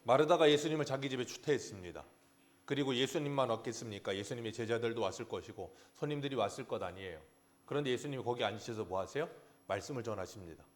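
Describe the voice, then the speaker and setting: A man's voice: medium pitch, quick pace. A man preaching a sermon as pastor, asking the congregation questions and answering them himself.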